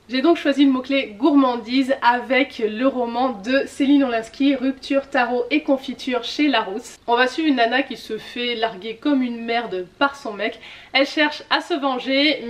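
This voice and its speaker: Woman, fairly high voice, book video host, casual and chatty, lists trailing off. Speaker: booktuber. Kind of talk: reading list video.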